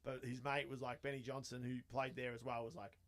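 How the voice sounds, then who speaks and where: A man's voice: mid-range voice, level tone, a little fast, a bit bright. An Australian man co-hosting a podcast, chatty and retelling stories with quoted voices. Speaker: podcast co-host. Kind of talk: casual chat.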